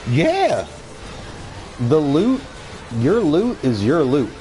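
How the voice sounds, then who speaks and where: A man's voice: on the high side, wildly swooping pitch, very slow, dark tone, slight background noise. A man streaming a video game, chatting casually with a viewer while he plays. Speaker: gaming streamer. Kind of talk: casual live-stream chat.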